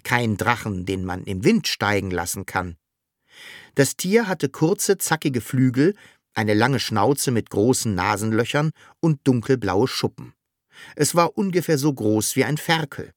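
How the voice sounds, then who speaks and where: A narrator reading a children's story aloud in a lively, expressive way. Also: mid-range voice, a little slow, no room sound, studio quality.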